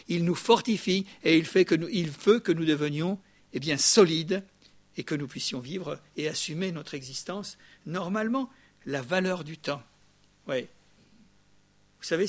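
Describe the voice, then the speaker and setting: An older man preaching a sermon, his voice sitting a little high for a man. He talks to the congregation like a neighbour, lively and conversational, with frequent quick asides. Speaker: pastor.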